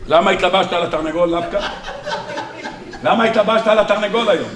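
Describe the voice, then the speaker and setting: A rabbi giving a weekly Torah lecture to a live audience, chanting verses slowly and tossing in joking asides. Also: male voice, high-pitched, crowd noise.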